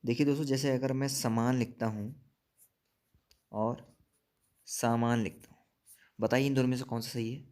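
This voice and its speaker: A man teaching an exam-prep spelling lesson, explaining slowly, repeating words and asking checking questions. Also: mid-range voice, fairly even intonation, mellow. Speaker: Hindi teacher.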